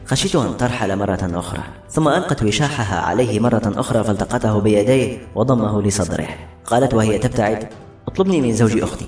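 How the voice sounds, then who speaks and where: A man narrating a novel in a brisk, dramatic storytelling manner. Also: mid-range voice, a little mellow. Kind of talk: audiobook narration. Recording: roomy with faint music.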